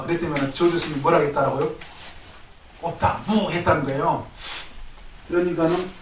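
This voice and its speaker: A man's voice: a little high, a little hiss or hum. A man giving a classroom lecture at a Buddhist college, often asking the class rhetorical questions. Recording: echoey room, mic at a distance.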